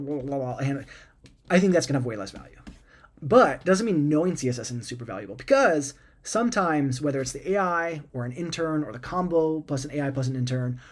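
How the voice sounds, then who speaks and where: A man talking casually about software and AI, conversational and full of fillers, repeating words and tossing in animated asides. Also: mid-range voice. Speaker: product maker talking about AI and coding. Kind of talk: casual explanatory talk.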